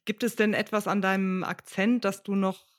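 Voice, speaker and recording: A woman's voice: medium pitch, fairly even intonation, moderate pace. Woman hosting a pronunciation podcast. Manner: laughs often, clear questions. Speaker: podcast host and pronunciation teacher. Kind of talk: friendly interview.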